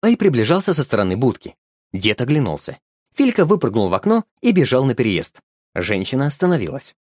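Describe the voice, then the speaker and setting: A man narrating a storybook in a lively, expressive reading. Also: medium pitch, fairly quick, dry recording, studio quality.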